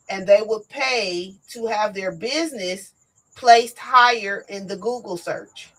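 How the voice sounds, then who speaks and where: A woman hosting a live talk show, talking directly and emphatically to her viewers, her voice going hoarse. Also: mid-range voice, a bit bright, poor audio. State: losing her voice. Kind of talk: casual live-stream talk.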